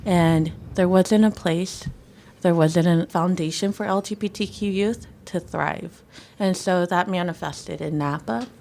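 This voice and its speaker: A young woman from Sonoma County talks with earnest, easygoing warmth in a casual podcast interview. Her voice sits low and carries a gravelly fry. She leans on words like "y'all" and "folks.". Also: a little slow. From Sonoma County, California. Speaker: guest, nonprofit co-director.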